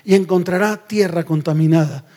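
A male pastor delivers an emphatic sermon in a notably high voice. He fires rhetorical questions at his listeners and sinks to a lower register to hammer key words. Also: moderate pace, dark tone.

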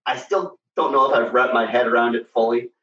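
Male co-host, down-a-well echo, distant and muffled, halting casual chat. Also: medium pitch, fairly even intonation, a bit bright. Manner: hesitant, full of ums and restarts. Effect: sounds like he is down a well. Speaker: co-host of a fan discussion stream. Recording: echoey, distant, muffled remote audio.

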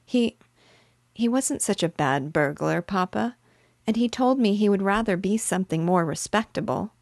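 A small, earnest little girl, as a woman reader puts her on, gentle and very polite, lifting the voice higher than the reading around her. The sound is close and dry, with no room behind it. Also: normal speed, gravelly, no echo. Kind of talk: audiobook character voice.

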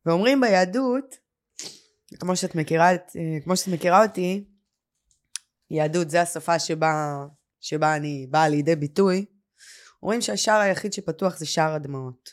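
A woman who coaches personal storytelling, talking as a podcast guest in an intense, heartfelt way and slowing down to stress her points. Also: fairly low pitch. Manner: emphatic, slows down to stress words. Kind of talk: emotional podcast conversation.

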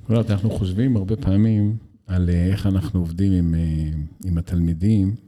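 Very mellow, low-voiced male interviewer. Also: steady tone, slight background noise. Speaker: interviewer and school educator. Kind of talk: reflective conversational interviewing.

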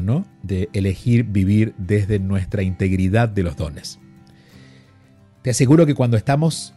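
A man with a lowish, mellow voice hosts a call-in advice show. He speaks calmly and reflectively, in a gently reassuring tone. Soft guitar plays faintly underneath. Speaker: radio show host.

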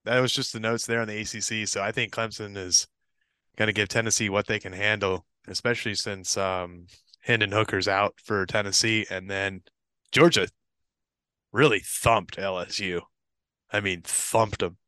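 A man's voice: on the low side, fairly even intonation, moderate pace, bright, forceful tone, clear, resonant tone, no echo. A young man co-hosting a casual sports podcast, giving chatty, confident takes. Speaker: podcast co-host.

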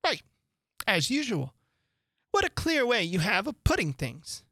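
A reader voicing a fussy old duchess who moralizes about everything, in a high sing-song way. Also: wildly swooping pitch, a little slow, bright, forceful tone, no echo, studio quality, heavily acted. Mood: preachy. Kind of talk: audiobook character voice.

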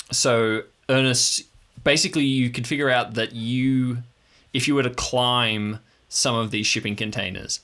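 A man improvises narration as a tabletop game master, pausing as he hunts for words. His voice is medium in pitch and a bit bright.

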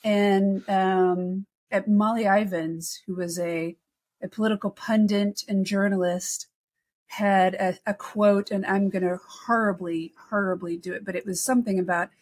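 A woman from Texas, a podcast guest, talking in a chatty storytelling way with quick asides. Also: medium pitch, fairly even intonation, a little mellow. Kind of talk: casual conversation.

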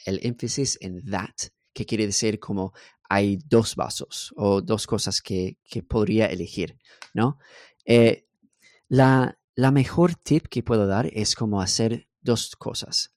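A man whose first language is English, a software engineer talking as a podcast guest in a relaxed way, with many fillers and English words slipped in. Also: lowish voice, dry recording, studio quality. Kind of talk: casual interview conversation.

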